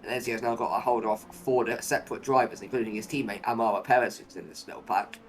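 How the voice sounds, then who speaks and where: A man's voice: medium pitch, fairly even intonation, fast, a little hiss or hum. A man commentating live on a motor race, play-by-play, narrating each move and posing running questions.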